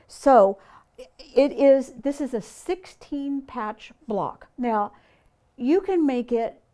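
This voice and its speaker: Woman, quilting tutorial host, chatty, friendly, slightly high voice, lots of ums. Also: darkish tone. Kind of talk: sewing demonstration.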